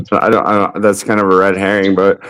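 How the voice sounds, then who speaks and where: A man's voice: low voice, level tone, brisk, a bit bright, smooth, rough recording. A man in a casual online debate who hedges and restarts as he reasons aloud. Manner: hesitant, hedging.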